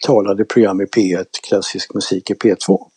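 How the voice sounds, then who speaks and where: A man with a dark, husky voice co-hosts a relaxed chat in a calm, explanatory way. His voice is recorded dry and close, with no room sound around it. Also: on the low side, no echo. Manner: relaxed, explanatory, introduces songs. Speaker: co-host. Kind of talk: casual radio-style chat.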